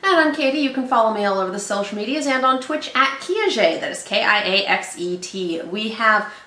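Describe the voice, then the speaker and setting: A woman's voice: a little high, expressive, pushed and bright. Chatty woman co-hosting, echoey room. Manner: chatty, thinks aloud, quick asides. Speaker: reaction channel co-host. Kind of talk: casual chat.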